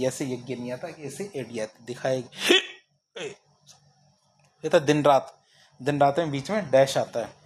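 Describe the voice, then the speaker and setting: A man's voice: medium pitch, a little hiss or hum. A man teaching a spelling lesson for exam students, asking each question and answering it himself. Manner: drills with repeated question-and-answer. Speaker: Hindi exam tutor.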